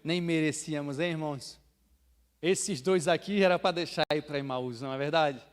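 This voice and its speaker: A Brazilian pastor from Bahia preaching a sermon, swinging from hushed asides to loud proclamations and acting out believers for laughs. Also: male voice, on the high side, moderate pace. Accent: Brazilian Portuguese, Bahia. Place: church sanctuary. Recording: long hall reverb.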